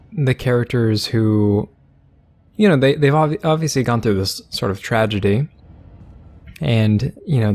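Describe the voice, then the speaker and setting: A man hosting a let's play, giving casual gameplay commentary in a rambling, halting way, searching for words. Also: mid-range voice, a little mellow.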